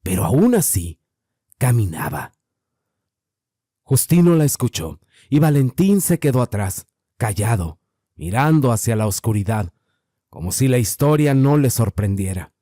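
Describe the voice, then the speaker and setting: A man giving scripted horror narration in a measured, ominous way. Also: medium pitch, very animated, warm tone, dry recording, clean studio sound.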